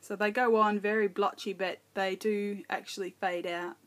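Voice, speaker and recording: A woman's voice: medium pitch, fairly even intonation, moderate pace. A middle-aged woman casually narrating her scrapbooking as she works, thinking aloud and correcting herself as she goes. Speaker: craft video host.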